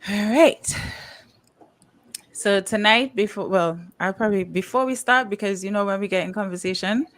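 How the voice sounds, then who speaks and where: This podcast host is a Caribbean-accented woman running a relaxed livestream talk show, full of laughter and fillers such as "um" and "you know." She talks at a normal pace in a medium-pitched, fairly bright voice.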